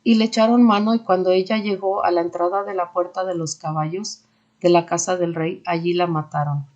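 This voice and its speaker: A woman reading scripture aloud in a steady, measured way. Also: lowish voice, dull audio. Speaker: Bible reader.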